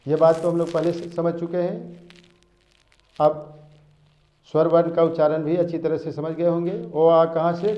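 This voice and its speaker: A man teaching a Hindi grammar lesson, going over each point slowly and repeating it as a drill. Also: a little high. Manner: slow, repetitive drilling of points. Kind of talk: classroom lesson. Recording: echoey room, dull lo-fi sound.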